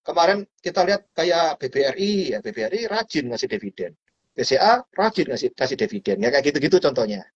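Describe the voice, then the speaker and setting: A man with a husky, slightly breathy voice talks through stock trading in a relaxed, chatty way. He is animated and playful, and he acts out small scenes with sound effects. The recording sounds dull and lo-fi. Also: on the high side, fast. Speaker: stock trading guest speaker. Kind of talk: casual explanatory chat.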